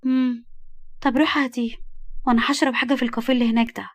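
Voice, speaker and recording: A woman's voice: a little high, fairly even intonation, rapid-fire, lightly acted. A woman doing a sly, pushy young schemer. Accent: Egyptian Arabic.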